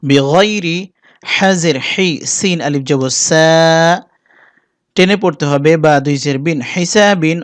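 A Quran teacher with a Bangladeshi Bengali accent leads a spelling lesson, naming each letter and vowel in a slow, patient rhythm. His smooth, clean voice is fairly high for a man and recorded dry, close to the mic with no room sound. At times he slips into slow, melodic recitation.

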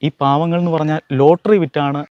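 A man's voice: a little high, steady tone, quick pace, clear, resonant tone, dry recording, lo-fi sound. A man, reporting an earnest charity appeal with small hesitations. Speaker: news reporter.

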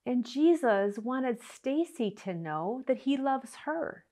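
Slow, lively-voiced woman giving a sermon. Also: high voice. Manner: slow, earnest, expressive delivery. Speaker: church speaker. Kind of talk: Good Friday reflection and scripture reading.

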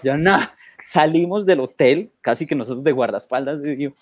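A man in casual conversation, telling emotional anecdotes in an animated way and often adding "¿no?". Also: a little high, brisk, dry recording. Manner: animated, emotional storyteller with lots of "¿no?".

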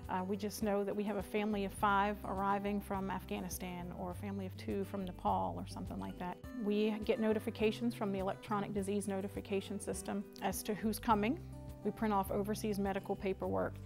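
Woman, health staff, matter-of-fact, gravelly fry, music clearly under her. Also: medium pitch, flat delivery, a little fast. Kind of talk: interview.

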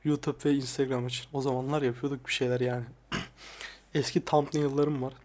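A young ASMR YouTuber talks in a casual, soft-spoken vlog, swearing often and crudely while sometimes letting his voice drop low. His tone is level and his pace fairly quick. He's recorded on a lapel mic.

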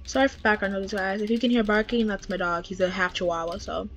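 A young woman giving casual game commentary with a friend, excitable, with sudden tense whispers. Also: medium pitch, quick pace, a little hiss or hum. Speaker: gaming channel host.

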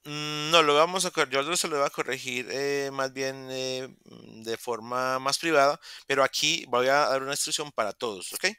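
A man teaches English over a video call, patient and methodical, stopping to repeat words slowly. His voice is bright and crisp. The sound is dry and close. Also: mid-range voice, dry recording. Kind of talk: virtual class explanation.

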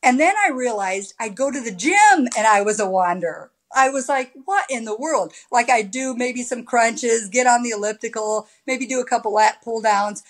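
This woman in her sixties speaks in a slightly high voice and tells her story with lots of animation, gesturing as she talks. She is a podcast guest on a video call, recorded through a laptop webcam in a high-ceilinged room at home. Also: expressive, moderate pace, hardly any pauses. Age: 60s. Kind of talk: casual interview chat.

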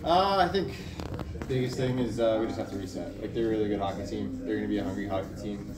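A man, a hockey player, calmly answering reporters' questions after a game in a matter-of-fact way. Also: lowish voice, fast talker. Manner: calm, matter-of-fact team talk. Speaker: hockey player at post-game press availability. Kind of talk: post-game press interview. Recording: echoey room, distant mic, crowd noise.

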